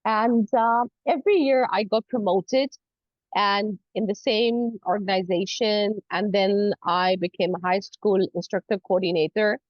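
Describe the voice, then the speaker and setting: A university lecturer in academic English from Saudi Arabia, whose first language isn't English, appears as an interview guest and answers conversationally, explaining earnestly and often saying "you know." Her mid-range voice is fairly even and unhurried, and the recording is muffled with no echo.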